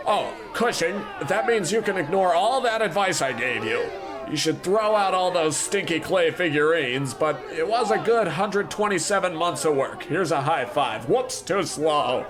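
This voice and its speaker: In a comedy radio play, a man with a voice on the high side plays a pompous, flippant animation tycoon. The company boss character sounds animated, unhurried, smug and careless.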